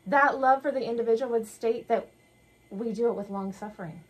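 Woman co-host with a slightly husky voice. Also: fairly high pitch, a little fast, rough recording. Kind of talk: conversational sermon dialogue. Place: small wood-paneled room indoors.

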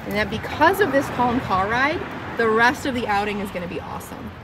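A woman in her thirties explains dog training in an easy, upbeat vlog voice, speaking into a phone held at arm's length. She talks from inside a car and later out on a street. Clear road and car noise runs behind her. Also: on the high side, lively intonation, fairly quick. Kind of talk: casual instructional vlog. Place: inside a parked car, then outdoors on a street. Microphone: phone camera held at arm's length. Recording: noisy car and street ambience.

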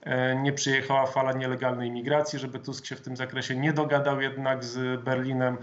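A man in his thirties, a member of parliament, answering interview questions over a video call in a measured, formal way with some hesitant fillers. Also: medium pitch, level tone, a bit bright. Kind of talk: political interview. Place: home office with flag, indoors. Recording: dull lo-fi video call audio.

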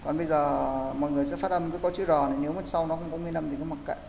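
A man's voice: a little high, fairly even intonation, very fast, creaky, a little mellow. A man teaching an English pronunciation class, echoey hall. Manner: explanatory, coaching students step by step. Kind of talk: online class instruction. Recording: echoey, roomy hall sound with faint hiss.

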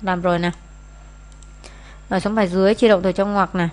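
A woman's voice: mid-range voice, steady tone, fairly quick, a little mellow. Woman walking through exam answers. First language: Vietnamese. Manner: explains in Vietnamese, reads English phrases aloud; hesitant, frequent fillers. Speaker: English teacher.

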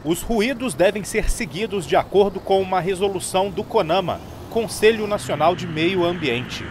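Male news reporter, high voice, steady informative read, street noise behind. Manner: measured, informative delivery. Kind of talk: scripted news narration.

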